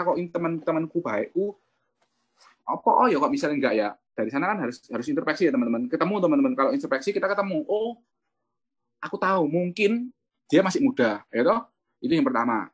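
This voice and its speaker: A man's voice: fairly high pitch, fairly bright tone, slightly rough. A man, an insurance agent giving a chatty motivational talk about his own experience and often addressing his listeners as friends.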